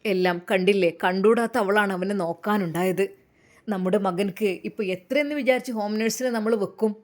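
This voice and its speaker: A woman's voice: mid-range voice, fairly quick, darkish tone, close to an everyday voice. A woman voicing an older father, earnest and fond as he praises his daughter-in-law. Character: older father, warm and grateful patriarch.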